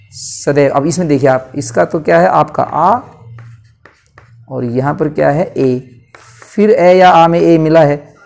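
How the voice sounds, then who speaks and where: With a somewhat high, darkish voice touched by vocal fry, a man with a north Indian Hindi accent gives a grammar lesson at a board. He answers his own questions and slowly stretches words to show their pronunciation.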